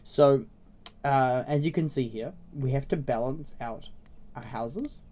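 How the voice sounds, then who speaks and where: A man with a slightly raspy voice, congested with a cold, giving a casual, explanatory game tutorial as a video host. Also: medium pitch, a little slow, dark tone, slight background noise. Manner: informal, explanatory, often checking in with "okay?" and "right?". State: congested with a cold, frequent throat clearing. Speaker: video host introducing a browser game series.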